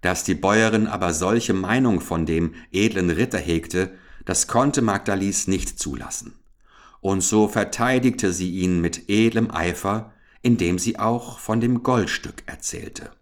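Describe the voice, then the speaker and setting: A man narrates an old children's fairy tale with a calm, measured storytelling delivery. His voice sits fairly low, and the text is read in a steady, scripted way.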